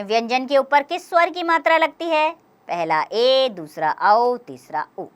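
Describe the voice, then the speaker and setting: Bright lively woman teaching young children. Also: fairly high pitch. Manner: slow, clear, explaining step by step. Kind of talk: recorded grammar lesson for young children.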